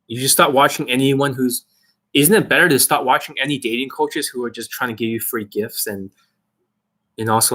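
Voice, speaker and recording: Addressing his viewers directly, a young dating coach launches into a blunt, swearing rant built on rhetorical question after rhetorical question. His voice is husky, ordinary in pitch and a bit bright.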